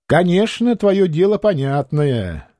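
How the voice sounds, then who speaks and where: Brief: man playing a fussy, evasive old-time governor, a bit higher, mellow and dry. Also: big pitch swings, takes it slowly, no echo, full character voice. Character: evasive greedy provincial male governor.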